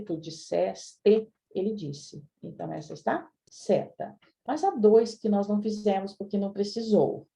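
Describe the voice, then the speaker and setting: A woman's voice: mid-range voice, vocal fry, warm tone. A woman teaching a live online grammar review class, chatting with her students and often checking in with them. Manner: chatty, addresses students directly with frequent "né?". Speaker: Portuguese language teacher.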